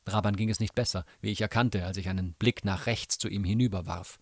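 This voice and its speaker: A man reading a novel aloud in an expressive, dramatic way. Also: on the low side, a little fast, no room sound. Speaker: reader. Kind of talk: literary reading.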